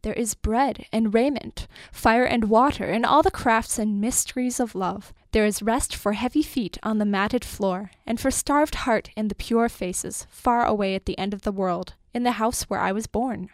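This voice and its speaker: A weary old father speaks with calm, stately courtesy, his words drifting and dreamy, as a woman reads him aloud. The voice sits a little high and the sound is dry and close, with no room around it. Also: normal speed, few pauses, dry recording, close to an everyday voice. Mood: rapturous.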